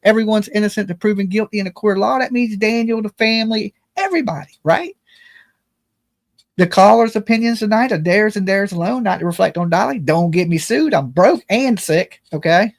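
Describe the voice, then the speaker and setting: A man with a high voice hosts a casual livestream show. He speaks in slangy, folksy language and jokes at his own expense as he delivers his commentary. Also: quick pace, vocal fry, hardly any pauses. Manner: folksy, joking, self-deprecating, slangy. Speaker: host of a live true-crime commentary and call-in show.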